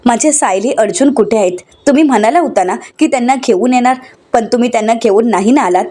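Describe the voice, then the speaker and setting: A woman's voice: on the high side, quick pace, warm tone, natural voice. A woman voicing a grieving, devoted middle-aged mother who speaks insistently and pleads.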